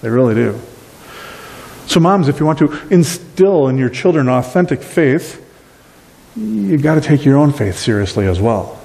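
Preaching pastor in a reverberant church hall. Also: male voice, medium pitch, normal speed, vocal fry. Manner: animated preaching with wide gestures. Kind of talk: sermon. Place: small church sanctuary. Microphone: far camera at back of room.

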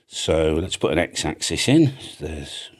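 Slow and rumbling low, with big swings in pitch, this older man's British-accented voice carries a casual, improvised tutorial for his radio hobby video. He's chatty and blunt, often musing aloud, recorded close on a large studio mic on an arm in a home music room with a drum kit.

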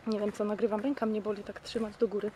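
Walking outdoors on streets and a platform and then riding a train, a twentysomething vlogger from Poland chats to her camera in a loose, slangy, wandering manner. She talks quickly in a level tone. The arm's-length camera microphone makes for a noisy recording full of traffic and transit rumble.

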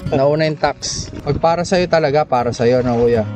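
A young man vlogging casually from a small outrigger boat at sea, with a clip-on mic, getting excitable when fish bite. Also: fairly high pitch, normal speed, over music. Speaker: fishing vlogger. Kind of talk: casual chat while fishing.

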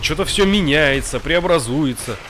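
A man's voice: a little high, animated, normal speed, fairly bright tone. A man giving casual, improvised gameplay commentary, thinking aloud in short colloquial phrases. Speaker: gamer, let's-play host. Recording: faint noise of game rain behind. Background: game ambience with rain.

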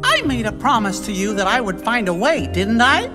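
A man voicing a small, cheerful, loyal mouse king in a video game, in a squeaky falsetto with long reverb. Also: very animated, moderate pace, music in the background. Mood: earnest, reassuring. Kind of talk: animated video game acting.

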